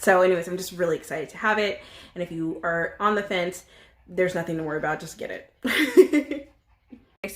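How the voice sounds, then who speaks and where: Young woman, casual vlog chat, bubbly, filler-heavy, slightly low voice. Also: fairly bright tone. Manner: chatty, bubbly, lots of "like" and "um". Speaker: vlogger and author.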